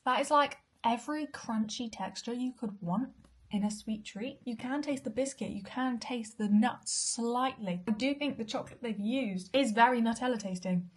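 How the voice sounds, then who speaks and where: A woman's voice: on the high side, moderate pace, darkish tone. A young British woman taste-testing food for her vlog, chatting casually between bites and sometimes dropping to a half-whisper. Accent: British English. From Britain. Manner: chatty, eating while talking, drops to half-whispers. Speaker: food vlogger.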